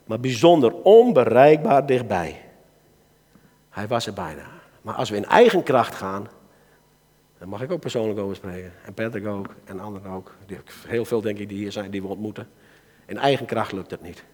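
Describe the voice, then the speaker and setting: A man with a Dutch accent preaching a sermon to a church gathering, swinging between soft asides and loud calls to his listeners. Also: on the low side, lively intonation, normal speed. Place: church hall. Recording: reverberant hall.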